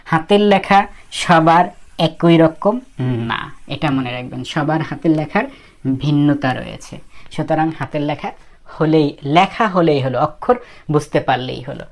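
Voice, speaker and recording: A woman teaching Japanese script in a casual spoken lesson, who goes through each stroke slowly and repeats herself, often trailing off quietly. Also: low voice. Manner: explains slowly, repeating each step of writing the letters.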